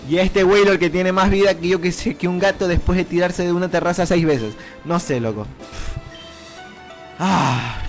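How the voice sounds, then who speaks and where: An excitable man commentates a video game run, cheering on his moves and chatting to his viewers. His voice sits a little high for a man. Faint game music plays behind him. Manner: animated, repeats shouts and urges the game on; talks to viewers as "chicos". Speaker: gaming YouTuber. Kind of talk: excited Let's Play commentary.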